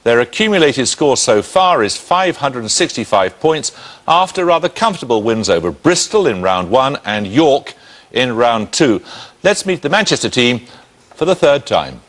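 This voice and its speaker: A man hosting a televised quiz show, reading questions briskly and crisply in a studio. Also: mid-range voice, big pitch swings, a bit bright.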